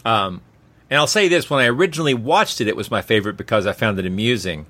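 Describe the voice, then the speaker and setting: Man podcast co-host with very lively pitch. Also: fast. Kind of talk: casual podcast chat and scripted show outro.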